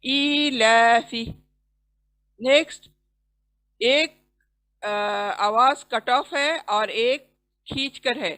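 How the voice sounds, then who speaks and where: A woman teaching Quran recitation, chanting words slowly with long drawn syllables between quick explanations. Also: on the high side, a bit bright. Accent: Indian. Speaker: tajweed teacher. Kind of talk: recitation lesson.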